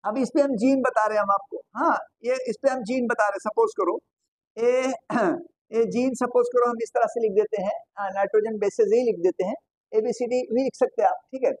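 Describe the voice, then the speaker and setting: A woman's voice: on the high side, brisk, darkish tone, husky, dry recording, poor audio. A woman teaching a biology lesson at the board, repeating key terms and quizzing the class with rhetorical questions, slipping English phrases in. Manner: mixes English phrases into Hindi.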